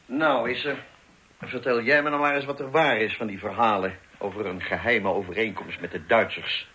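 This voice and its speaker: An actor playing a doubtful colleague from the service who keeps asking questions. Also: male voice, fairly low pitch, steady tone, normal speed, sharp tone, slightly rough, poor audio. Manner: probing, doubtful.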